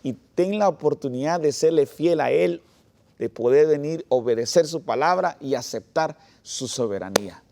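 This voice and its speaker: A male pastor giving an earnest sermon testimony, pausing and restarting, his phrases trailing off softly. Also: a little high, animated, gravelly. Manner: earnest, with halting restarts and soft trailing endings.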